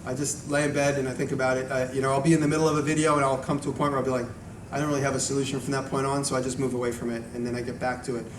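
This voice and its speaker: Talking very fast with few pauses, a medium-pitched man keeps a level tone as he gives an informal talk and Q&A as a video maker. He's rambling and conversational, often doubling back, with echo, distance and background noise on the recording.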